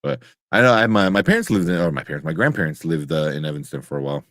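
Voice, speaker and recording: A young man co-hosting a live pop-culture chat show, relaxed and rambling with restarts. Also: deep voice, racing, no echo, studio quality. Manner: laid-back, rambling with restarts and laughs. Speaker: co-host of live nerd news show. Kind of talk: casual chat.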